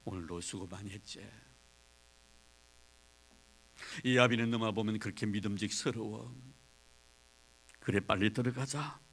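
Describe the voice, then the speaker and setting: A man voicing a gentle, loving old father who coaxes his grown son in low, soft tones. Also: lively intonation, brisk, natural voice. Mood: tender, coaxing.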